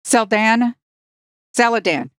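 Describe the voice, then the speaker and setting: A woman co-hosts a podcast, offering wry, opinionated takes in a casual review discussion of a cartoon. Her voice is fairly high, animated, a bit bright and smooth, and she takes her time, captured in a dry, studio-quality recording.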